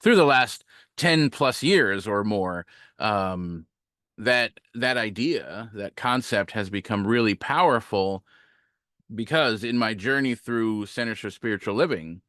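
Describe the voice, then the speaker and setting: Man, low smooth voice, dry close mic, chatty reflective sermon delivery. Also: unhurried, no room sound. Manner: relaxed, reflective, with fillers and self-corrections. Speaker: guest minister. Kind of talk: conversational sermon. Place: online talk, home setup.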